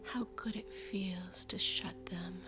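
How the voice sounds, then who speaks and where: A woman's voice: fairly low pitch, steady tone, takes it slowly. A woman doing a whispered role-play of hypnosis, intimate and seductive, soothing commands breathed as if right into the listener's ear. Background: music with singing bowl tones.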